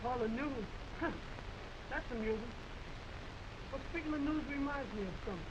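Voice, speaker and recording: An actress playing a chatty, teasing, folksy rural neighbour in an early 1930s talkie, on a hissy old soundtrack. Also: female voice, high-pitched, normal speed, dull audio, natural voice. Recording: hissy, noisy 1931 film soundtrack.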